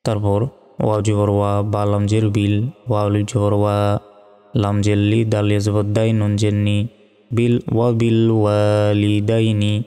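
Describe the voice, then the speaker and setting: A man with a Bangladeshi accent works through a spelling-out recitation lesson, one letter and vowel at a time. His voice is smooth, mellow and dark, and it stays flat and slow. A long reverb trails behind him over faint background music. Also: lowish voice. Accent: Bangladeshi Bengali. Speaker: Quran reading teacher.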